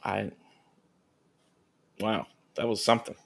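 A man co-hosting a comedy podcast, reading erotica aloud with deadpan asides and casual chat. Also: fairly low pitch, slow, gravelly. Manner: deadpan asides between read passages. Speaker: podcast co-host reading stories.

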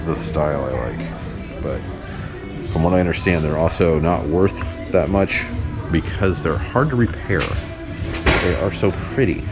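A man's voice: low voice, a little slow. A man filming a casual shopping vlog in an antique mall, chatty and enthusiastic about collectibles. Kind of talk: casual chat. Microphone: handheld camera, filming. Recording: background music over it. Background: loud background music.

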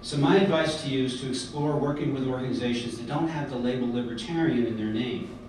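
Speaking earnestly from a podium, a middle-aged American convention speaker works through a prepared text, often pausing on fillers and starting over. He has a mid-range, darkish voice. The recording comes from a far camera and podium mic in a large hotel conference hall, echoey and noisy.

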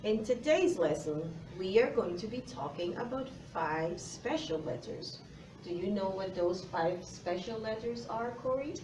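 Expressive yet a bit slow, this middle-aged teacher's medium-pitched voice has a darkish tone as she presents phonics and encourages the young children she's addressing. Recorded by a distant camera across the classroom, the audio sounds roomy with a little background noise.

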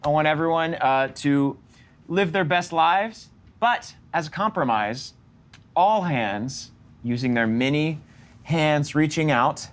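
A man's voice: on the high side, slow. A man in his thirties narrating and hosting a tabletop game show as game master. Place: indoor studio set dressed as a tavern. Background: music.

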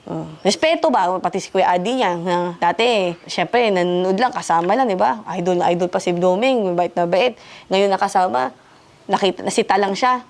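A woman's voice: mid-range voice, moderate pace. Woman, parent figure, stern lecturing delivery, pointed questions, mid-range voice. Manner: scolding, asks pointed questions. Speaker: parent figure counseling a youth.

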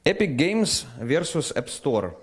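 A man hosting an online interview, asking long rambling questions with animated asides. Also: a little high, slow, husky. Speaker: interview host.

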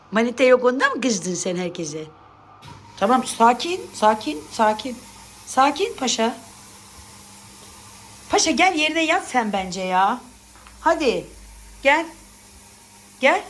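A woman with a slightly high voice chats to her cat in a playful, coaxing way, calling it over again and again and scolding it with affection. Faint ambient sound sits behind her. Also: slight background noise. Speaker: vlogger talking to her pet cat. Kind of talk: casual pet talk.

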